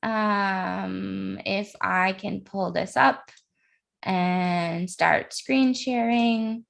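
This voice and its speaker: A woman co-hosting a casual community livestream, chatty and quick to laugh, speaking into a computer mic. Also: mid-range voice, steady tone, gravelly. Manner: laughs often, bubbly.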